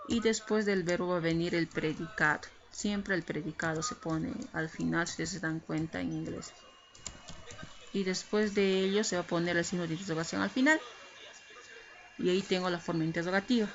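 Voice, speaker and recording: A woman teaching English grammar in a recorded lesson, explaining patiently step by step and checking in with her students. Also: lowish voice. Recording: slightly muffled lo-fi recording with faint hiss.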